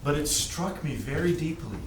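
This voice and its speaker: A man with a Western Canadian English accent giving a personal testimony in short, plain phrases, pausing for translation. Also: fairly high pitch, lively intonation. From British Columbia, Canada. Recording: distant mic in echoey room, faint noise.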